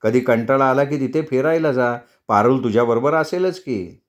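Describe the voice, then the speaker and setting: A man voicing an older mother-in-law who talks slowly, bossily and scolds in a storybook reading. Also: mid-range voice, close to an everyday voice. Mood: bossy. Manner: bossy, slow and scolding.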